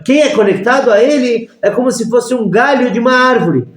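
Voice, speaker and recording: A man, a rabbi teaching a lesson through lively stories and acted-out voices. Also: very high-pitched, a little fast. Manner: animated storyteller acting out voices. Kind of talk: storytelling lesson. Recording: echoey room.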